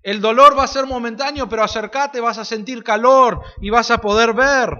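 A preacher playing a kind, mysterious stranger who brings fire to cold people, speaking in a calm, inviting, slow way. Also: male voice, extremely high pitch, exaggerated voice. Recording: reverberant hall, dull lo-fi sound.

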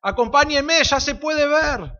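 A man's voice: very high-pitched, slow, pushed and bright, pitched above the performer's own voice, exaggerated voice. A man voicing a hopeful woman from the cave, speaking in an earnest, pleading way. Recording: reverberant hall, dull lo-fi sound.

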